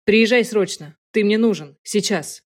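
A woman's voice: fairly low pitch, moderate pace, a little mellow, natural voice. A woman voicing an impulsive man in his thirties who speaks urgently and emphatically in an audiobook.

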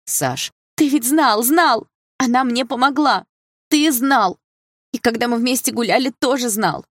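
A woman voicing a young girl who angrily accuses her brother and breaks into high, shrill outbursts. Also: very slow, fairly bright tone, no echo, exaggerated voice. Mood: furious.

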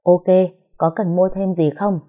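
A woman voicing a young female friend who chats and teases quickly. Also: on the low side, steady tone, mellow. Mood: teasing. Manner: quick, teasing.

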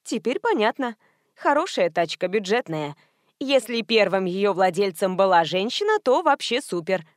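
A woman voicing a friendly, amused pastry chef who explains things calmly and matter-of-factly. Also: mid-range voice, moderate pace, no room sound, clean studio sound, close to an everyday voice. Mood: calm explaining.

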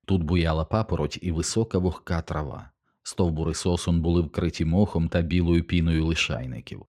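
A man narrating an audiobook in a steady, measured way. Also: sits low.

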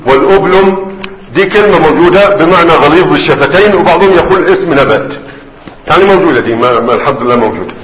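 A man's voice: a little high, animated, quick pace, fairly bright tone, lo-fi sound. A man with an Egyptian Arabic accent teaching grammar in a conversational classroom lecture, often checking in with his students. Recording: echoey hall, faint background noise.

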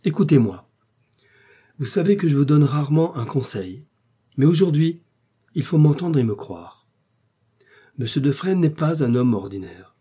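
A man reading an audiobook, voicing a calm, strong-willed aristocratic wife who speaks firmly and coolly. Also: medium pitch, moderate pace, slightly rough, lightly acted. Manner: firm, calm, cutting.

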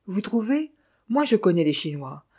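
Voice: mid-range voice, sing-song, moderate pace, a little mellow, husky, voice pushed up. A narrator voicing a coarse, bullying police captain who talks sarcastically and blusters. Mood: blustering. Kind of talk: audiobook character voice.

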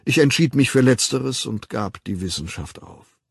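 A man's voice: mid-range voice, animated, vocal fry, breathy edge, no room sound, clean studio sound, pitched above the performer's own voice. A man playing a cool, ironic ruler. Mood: calm superior. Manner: measured, ironic, lecturing. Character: calm worldly male ruler, dry and superior.

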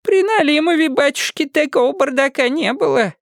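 A woman's voice: high-pitched, expressive, normal speed, vocal fry, no room sound, clean studio sound, voice pushed up. A man voicing a plaintive, sighing old woman who bewails the disorder around her.

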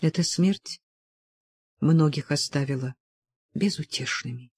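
Woman reading young noblewoman, gentle, sorrowful, soft, audiobook, dry. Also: medium pitch, unhurried, dry recording, voice pushed up, close to an everyday voice. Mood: gentle, sad.

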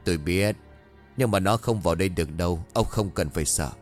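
A man voicing a greedy male sorcerer of dark arts, speaking in a calm, smug and mocking way. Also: low-pitched, a little fast, soft background music, natural voice.

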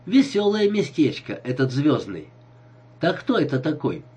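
A man's voice: on the high side, huge pitch swings, measured pace, warm tone, husky, dull audio, full character voice. A man doing a coy scheming young woman. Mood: teasing. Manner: coy, teasing.

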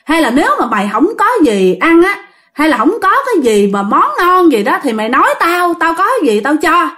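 A shrill old woman, scolding and indignant, as a woman storyteller puts her on. She snaps in a high, loud voice from a spoken ghost story. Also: animated, brisk.

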